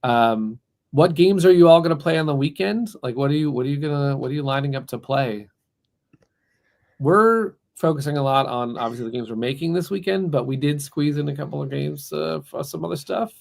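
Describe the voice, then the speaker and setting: Guy hosting a board game stream, gravelly voice, chatty, keeps restarting mid sentence. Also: a little high, brisk, a little mellow. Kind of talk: casual livestream chat.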